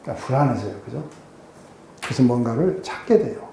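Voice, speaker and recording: Teaching his Bible study group, an animated pastor speaks fairly quickly in a creaky, medium-pitched voice that sounds muffled and dark amid roomy echo and slight background noise. He explains the passage conversationally, uses rhetorical questions and frequently checks in with his listeners.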